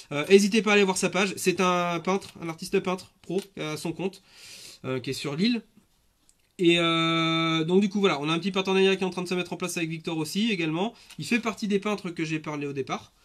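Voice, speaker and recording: A man hosting a casual live stream, chatting to viewers in a loose, rambling way full of fillers and restarts. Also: high voice.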